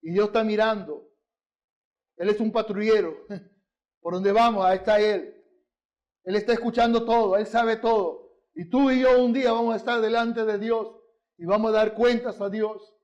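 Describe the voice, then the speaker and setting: A man's voice: high voice, steady tone, moderate pace, long pauses, a little mellow, muffled recording. A male pastor preaching a sermon, telling a personal story and asking the congregation rhetorical questions.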